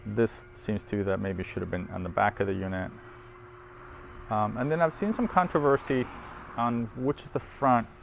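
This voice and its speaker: A man with a gravelly, lowish voice presents audio equipment in a casual hands-on demo, speaking at normal speed. He thinks aloud informally as he handles the machine, with slight background noise behind him.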